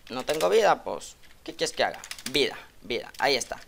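A man giving live gameplay commentary, taunting opponents and repeating phrases, swinging from muttering to loud outbursts. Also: mid-range voice, big pitch swings, brisk, vocal fry, slight background noise. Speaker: gaming channel host. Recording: keyboard clicks and typing behind voice.

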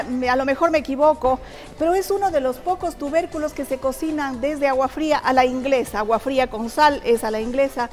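A woman's voice: high voice, darkish tone. A middle-aged woman, a cooking teacher on a TV show, chatting with viewers and explaining each technique step by step. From Ecuador. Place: TV studio kitchen.

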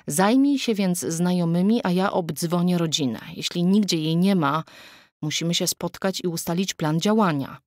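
A woman's voice: on the low side, dry recording, clean studio sound, close to an everyday voice. A woman narrating an audiobook, voicing a stiff father-in-law who speaks with exaggerated care. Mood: measured. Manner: measured, overly precise diction. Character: older man, stiff, overly careful father-in-law.

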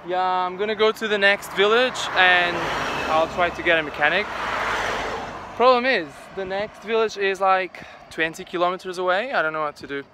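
A man's voice: high-pitched, normal speed. Chatty male vlogger over street noise. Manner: chatty, thinking aloud. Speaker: travel vlogger. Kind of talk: casual vlog talk to camera. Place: outdoors on rural roads and by a waterfall. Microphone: phone at arm's length. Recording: loud traffic and outdoor noise.

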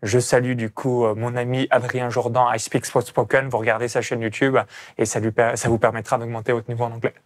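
A man's voice: mid-range voice, fairly quick. Man, Burgundy French accent, casual interview host, emphatic, lots of fillers. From France. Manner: energetic, emphatic delivery with many fillers.

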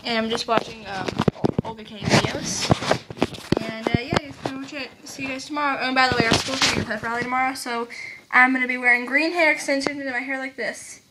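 Hyper high-voiced teen girl vlogging. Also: fairly even intonation, fast talker. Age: teens. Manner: hyper, giggly and rambling. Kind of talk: casual chat to camera. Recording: noisy webcam recording.

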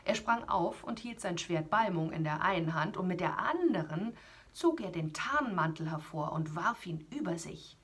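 A woman, a radio host, reading a children's story aloud in an animated way, often whispering and adding little asides to children. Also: lowish voice, normal speed, husky.

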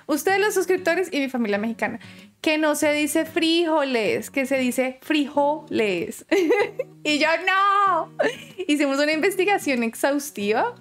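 A young Colombian woman with a Santander accent giving chatty, expressive reaction commentary and laughing often. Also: on the high side. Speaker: YouTube reaction host.

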